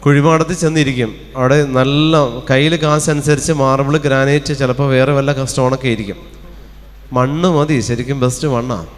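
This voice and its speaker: A man's voice: mid-range voice, steady tone, a little fast. A man with a Kerala Malayalam accent preaching a fervent sermon at a retreat, calling out hallelujahs and firing rhetorical questions. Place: retreat centre hall. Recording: long hall reverb.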